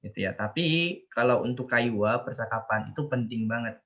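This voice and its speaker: Man teacher, online class, casual chatty explainer, video call mic, mid-pitched everyday voice. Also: moderate pace, dull audio. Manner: chatty, explains with repeated fillers and restarts. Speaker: Japanese language teacher.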